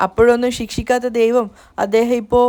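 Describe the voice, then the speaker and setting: A woman's voice: on the high side, little pitch movement, fast, darkish tone, lightly acted. A woman reading the lines of a weeping, despairing older mother. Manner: tearful and despairing.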